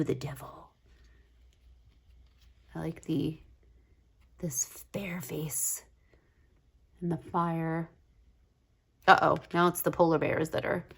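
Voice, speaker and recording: Woman going through her tarot deck real slow and low, chatty and gushy, says like a lot, sometimes whispers. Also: flat delivery. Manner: chatty, gushing, many "like" fillers. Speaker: tarot video creator. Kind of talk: casual deck walkthrough.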